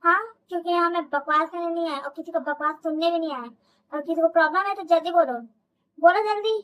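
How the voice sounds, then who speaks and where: A woman's voice: extremely high pitch, lively intonation, normal speed, dull audio. A woman voicing a bossy young male company boss and doting husband in a fan audio drama. He gives orders bluntly and teases his wife. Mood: commanding.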